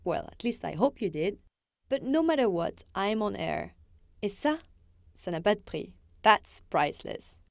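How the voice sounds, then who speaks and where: A woman's voice: mid-range voice, moderate pace, vocal fry, dry recording. Young woman, native French speaker with a thick French accent, wry first-person radio essay, very dry close sound. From France. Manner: wry, self-mocking, animated delivery. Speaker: reporter.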